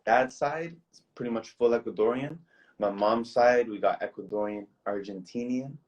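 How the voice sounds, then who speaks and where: A man's voice: mid-range voice, normal speed, dull audio. A young man from Toronto, a guest recording artist, chatting in an easygoing, rambling way and calling the host bro and man. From Toronto, Canada. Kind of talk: casual interview chat.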